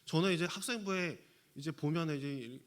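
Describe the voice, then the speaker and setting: A man's voice: on the high side, moderate pace. A middle-aged man preaching a sermon as pastor, moving between conversational storytelling with fillers and earnest emphasis.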